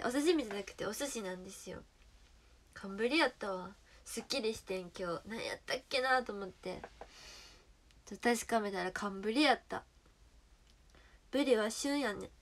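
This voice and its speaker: A woman's voice: a little high, a bit bright. A young woman with a Kansai accent chatting casually with viewers on a livestream, playful and direct. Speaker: idol livestreamer.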